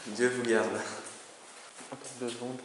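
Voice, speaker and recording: A man's voice: medium pitch, level tone, slow. A man casually narrating his night exploration as an urban exploration vlogger, informal and given to mild swearing. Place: inside large empty abandoned building and rooftop. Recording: echoey, very noisy handheld camera audio.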